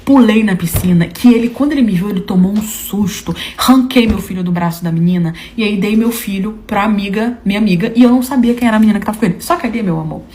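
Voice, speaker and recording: A young adult woman telling a dramatic first-person story, acting out the voices of the people in it with big leaps in pitch. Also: fast, hardly any pauses, a little hiss or hum. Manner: animated, acts out quoted voices with big pitch jumps.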